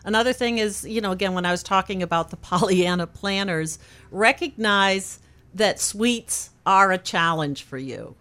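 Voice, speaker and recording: A woman's voice: medium pitch, moderate pace, a bit bright. A woman guest on a radio show, giving cheerful, encouraging advice in a casual chat and laughing easily. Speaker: weight loss program manager, radio guest.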